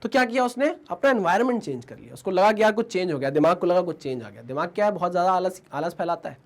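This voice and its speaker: A man's voice: high voice, animated, fast. A man teaching exam preparation in a conversational, motivational way. He often adds tag questions and acts out inner voices. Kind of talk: motivational study advice.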